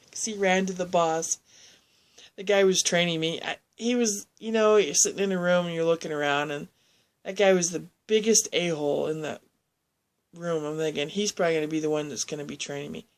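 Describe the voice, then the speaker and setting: A woman telling a personal story in a halting, rambling way, often restarting her sentences. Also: fairly low pitch.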